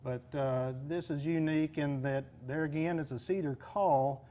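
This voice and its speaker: A man talking casually as a collector explaining his collection, with halting speech that pauses mid-thought. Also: fairly high pitch, fairly even intonation, mellow. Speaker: duck call collector being interviewed. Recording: clear background noise.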